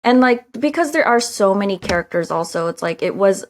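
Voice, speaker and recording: A woman's voice: mid-range voice, animated, a little fast, a little hiss or hum. A woman guest on a podcast in casual chat, easygoing and thoughtful as she weighs her picks.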